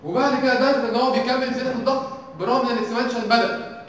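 Rapid-fire Egyptian man lecturing in an echoing hall. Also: very high-pitched, steady tone, fairly bright tone. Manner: quizzes the class with constant questions. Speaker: engineering teaching assistant. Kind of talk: university tutorial lecture. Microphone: distant room mic. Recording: echoey hall recorded from far off.

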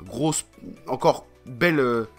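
A man's voice: medium pitch, slow pace, soft background music. A man from France chatting casually to camera in a vlog, rambling and slangy, with many fillers. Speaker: vlogger.

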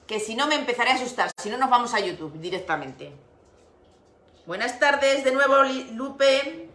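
A middle-aged Spanish woman's fairly high, slightly bright voice swings widely in pitch at a moderate pace as she hosts a craft livestream from home. She chats and laughs, naming viewers as she greets them. A device camera on her desk records in an echoey room with a window.

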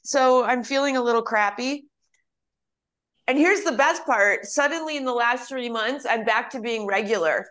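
A woman's voice: on the high side, moderate pace. Chatty woman in her fifties teaching. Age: 50s. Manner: chatty and laughing, then calm, steady exercise cueing. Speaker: fitness instructor. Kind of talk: live online exercise class.

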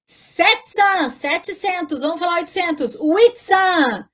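A woman teacher giving an online lesson, cheerful and checking in with her class often, drawing out each number slowly so the students can repeat it. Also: very high-pitched, expressive. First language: Portuguese. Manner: slow, drawn-out modeling of numbers. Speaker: French teacher.

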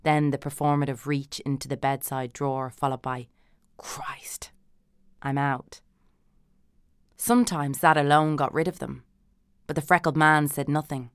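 A woman narrates a literary audiobook in a low, steady voice, measured and dry in her reading. The sound is close and dead, with no room around her. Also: smooth, dry recording.

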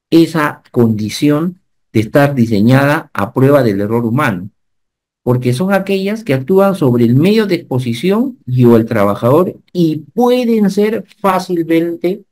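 A man, giving an animated online safety lecture and often checking whether the class follows. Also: fairly high pitch, a little slow. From Peru. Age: 50s. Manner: animated teacher, asks the class checking questions. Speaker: occupational safety instructor.

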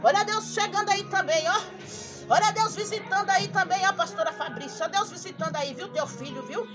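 High-pitched lady missionary praying hard, slips into tongues, worship music loud behind her. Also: a little fast. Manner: fervent, breaks into speaking in tongues; addresses listeners by name. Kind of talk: prophetic prayer.

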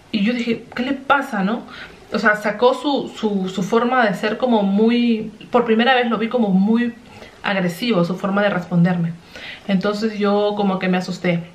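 A young woman speaks straight to her viewers in a personal vlog. She tells her own story earnestly and chattily, at a mid pitch, and keeps checking in with a quick "right?". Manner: earnest, chatty, tags lines with "¿no?". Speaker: vlogger.

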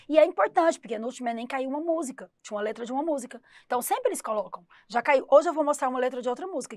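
A woman teaching an English lesson for exam prep, chatty and explaining slowly, spelling out words letter by letter. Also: on the high side, dry recording, studio quality.

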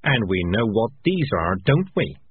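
A man voicing a scheming male talking cat in a storybook, speaking quietly and dryly as though adding up money. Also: lowish voice, big pitch swings, unhurried, slightly rough, full character voice. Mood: sly. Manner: quiet, dry, calculating. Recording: narrow phone-like audio.

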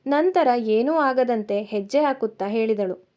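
A woman narrating a romance story in a calm, measured storytelling manner. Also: a little high.

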